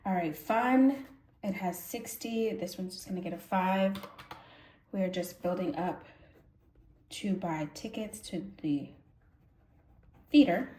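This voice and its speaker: Taking it slowly with long pauses, the congested budgeting vlogger speaks in a fairly low, slightly mellow voice. She sniffles through a casual cash-stuffing walkthrough, correcting herself as she reasons out loud, amid echo and faint noise.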